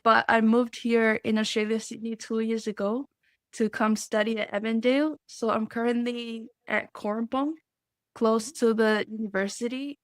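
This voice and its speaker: A woman's voice: a little high, steady tone, normal speed, no room sound, clean studio sound. A young woman from Samoa, a student guest on a podcast, speaking earnestly and reflectively about faith. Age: young adult. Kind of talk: podcast interview.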